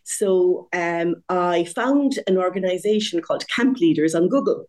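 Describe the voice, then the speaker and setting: A woman in her sixties, a guest telling her story in a lively, conversational interview, laughing often at herself. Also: on the low side, measured pace. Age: 60s.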